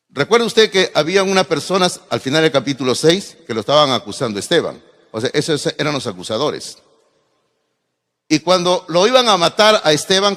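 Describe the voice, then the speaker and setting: A Peruvian pastor with a Peruvian accent preaches with force, rising to loud exclamations and dropping to quiet asides. His voice sits a little high for a man. The sound carries the long reverb of a church hall. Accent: Peruvian Spanish. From Peru. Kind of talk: sermon. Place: church sanctuary.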